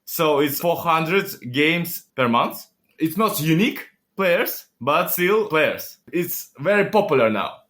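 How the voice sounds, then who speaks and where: Guy with kazakh accent, slightly high voice, halting english, answering interview questions about his work. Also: animated, a bit bright. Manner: halting, simple non-native English phrasing. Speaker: interview guest, game club owner.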